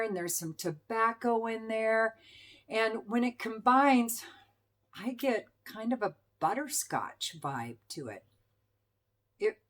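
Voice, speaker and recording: A middle-aged woman chatting enthusiastically as a perfume reviewer, with fillers and self-corrections. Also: medium pitch. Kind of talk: casual product review.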